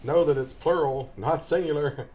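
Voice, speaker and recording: This man's Tennessee Southern accent colors his casual, joking chatter with game stream viewers as he rambles and chuckles often. His voice is a little high and darkish, at normal speed.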